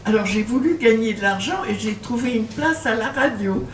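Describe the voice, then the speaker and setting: An older woman author is being interviewed before an audience in a bookshop, speaking hesitantly with many fillers and laughing as she tells stories. Her voice is fairly high and animated at a moderate pace. The mic is distant, the room is roomy, and there's faint noise.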